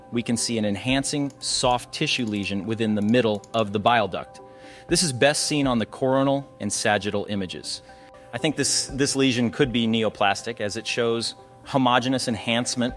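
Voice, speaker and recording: A man presents radiology cases as an instructor, narrating an explanatory walkthrough and posing questions to his audience. His voice is mid-range and a bit bright.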